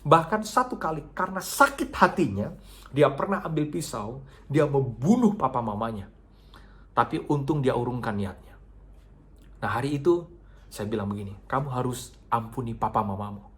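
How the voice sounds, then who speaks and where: A male pastor preaching a sermon, telling a story with big dramatic swings in pitch and loudness. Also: expressive, normal speed, long pauses.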